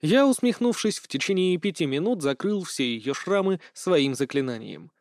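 A man giving steady first-person audiobook narration of a fantasy story. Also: on the high side, moderate pace, no room sound, clean studio sound.

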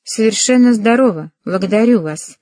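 A woman's voice: mid-range voice, normal speed, darkish tone, no echo, lightly acted. A woman voicing a proud young woman who turns hysterical and tearful, in an audiobook reading. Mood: prim. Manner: stiff and prim, then hysterical and tearful.

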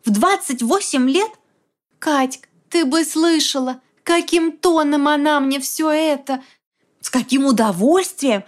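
A woman's voice: high-pitched, pitched above the performer's own voice. A woman reading an audiobook, voicing a distraught young woman of twenty-eight who talks in an agitated, pleading rush. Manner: agitated, pleading, fast hot whisper. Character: upset young woman, 28, shrill and furious. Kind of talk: audiobook character voice.

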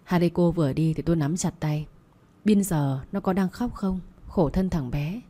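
Mellow-voiced woman reading a story. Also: lowish voice, moderate pace. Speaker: audiobook narrator. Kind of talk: first-person story reading.

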